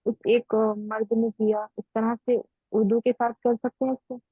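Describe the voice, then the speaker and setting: A woman's voice: a little high, flat delivery, moderate pace, breathy edge, no echo. Woman on a choppy, breaking-up call line. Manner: hesitant and polite, addressing the teacher as sir. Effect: choppy, breaking-up call connection. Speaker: student. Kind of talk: asking questions in an online class. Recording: tinny, dry online call audio with faint music.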